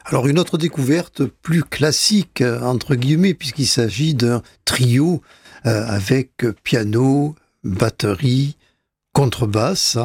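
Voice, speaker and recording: A man's voice: mid-range voice, takes it slowly, darkish tone, husky, dry recording, studio quality. A man presenting jazz albums on a radio show in a casual, hesitant way, with many fillers and restarts. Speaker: radio music columnist. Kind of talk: casual radio music chat.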